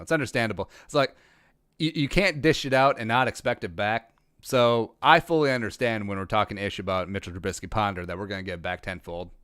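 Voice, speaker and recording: A man from rural Minnesota hosts a casual podcast livestream, reading questions from the live chat and musing his way through them with frequent restarts and dry, self-aware humor. His rambling voice is fairly low, a bit bright, and smooth, with no echo.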